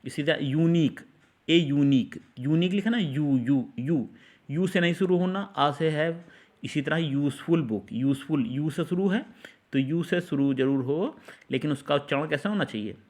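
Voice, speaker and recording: A man's voice: a little high, unhurried, a little mellow. Man teaching English articles in Hindi. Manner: repeats and quizzes with questions.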